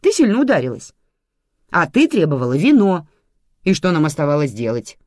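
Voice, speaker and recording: A woman voicing a calm, matter-of-fact grandmother in an audiobook, placating and dismissive. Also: low-pitched, a little fast, no echo, clean studio sound. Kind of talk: audiobook reading.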